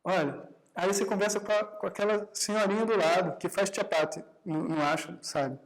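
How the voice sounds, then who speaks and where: A Brazilian man with a high-pitched, fairly even voice teaches a live meditation workshop at a moderate pace, in a low-quality recording. He is conversational, often tacking tag questions onto remarks to check in with the audience, and acts out short quoted exchanges within his talk.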